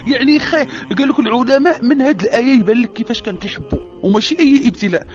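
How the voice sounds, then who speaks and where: A woman's voice: on the high side, rapid-fire, darkish tone, highs cut off, soft background music. A woman with a Moroccan Arabic accent preaching to women, impassioned and pleading, asking many rhetorical questions. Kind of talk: religious exhortation to women.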